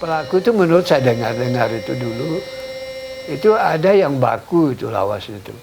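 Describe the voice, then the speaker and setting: A man's voice: medium pitch, lively intonation, a little fast, gravelly, background noise. A middle-aged man explaining a local tradition in an unscripted interview, often stopping to search for words and trailing off. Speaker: cultural informant.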